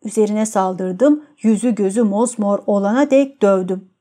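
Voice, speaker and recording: A woman's voice: medium pitch, normal speed, dark tone, lightly acted. A woman voicing a tormented, jealous young man who tells his story in a gloomy, brooding way.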